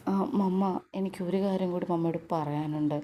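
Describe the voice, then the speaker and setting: A woman's voice: lowish voice, steady tone, normal speed, mellow, slight background noise, lightly acted. A woman voicing a young wife who pleads in a babyish, coaxing way. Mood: pleading.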